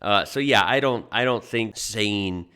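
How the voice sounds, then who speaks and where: American guy reacting to a clip, low voice but bright and smooth, hesitant, lots of restarts. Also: measured pace. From United States. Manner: hesitant, restarts, chuckles, easygoing. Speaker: reaction channel host. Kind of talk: casual reaction commentary.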